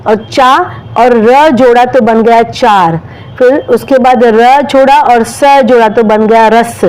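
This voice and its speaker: Slow, higher-voiced woman teaching children. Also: fairly even intonation, a little mellow, rough recording. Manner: spells out syllables slowly, addressing children directly. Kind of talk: slow step-by-step lesson for children.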